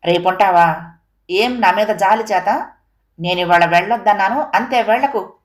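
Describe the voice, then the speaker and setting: A woman's voice: medium pitch, normal speed, lightly acted. A woman voicing a feverish, hurt husband who pleads earnestly with his wife. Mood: angry.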